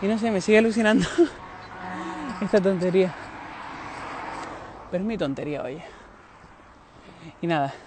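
A man's voice: high voice, expressive, normal speed, pauses often, noisy background. A man from Tenerife, chatting on a live stream outdoors, confiding and laughing often as he talks to his viewers. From Tenerife, Canary Islands. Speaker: singer hosting a live stream. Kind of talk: casual live-stream chat. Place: outdoors near a road, moving about.

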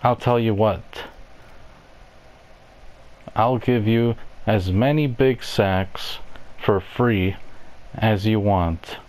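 A lovelorn burger worker played by a man in a cartoon skit. The voice is fairly low and slow, with a coy, scheming manner. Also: a little mellow. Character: heartbroken, flirtatious burger restaurant worker. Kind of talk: amateur animated comedy skit acting.

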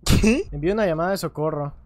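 A man, streaming a horror game with casual chat, cracking jokes and shouting when scared. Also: a little high, quick pace, faint music behind. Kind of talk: excited gaming chat.

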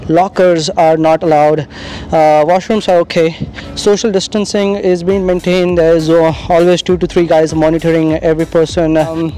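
A man vlogging casually to a handheld camera, upbeat and halting, with frequent filler sounds. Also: a little high, flat delivery, dark tone, slight background noise. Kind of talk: casual vlog talk to camera. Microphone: handheld camera mic.

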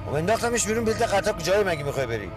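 An actor playing a flustered, bumbling young man who is quick to apologize or grumble. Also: high voice, very animated, music in the background. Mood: grumbling. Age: young adult. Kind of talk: film dialogue.

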